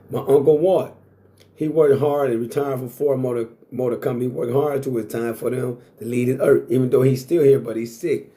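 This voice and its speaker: A sixty-year-old man talks straight to the camera in a blunt, boastful way, swearing freely and circling back to the same points. His voice sits at a middle pitch for a man. It is a casual, unscripted monologue. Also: warm tone. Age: 60s. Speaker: vlogger.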